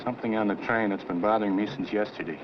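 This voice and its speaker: Actor as fast-talking, suspicious man, old film. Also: on the low side, fairly even intonation, lightly acted. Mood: suspicious, insistent. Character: suspicious, earnest American man on a European train. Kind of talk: 1940s film acting. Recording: muffled, noisy old film soundtrack.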